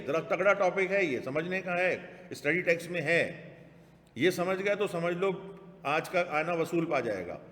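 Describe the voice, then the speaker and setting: A man's voice: fairly high pitch, fairly bright tone. A man with a Pakistani accent lecturing a classroom on law, emphatic and repeating key phrases for students to echo. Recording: long-reverb classroom hall.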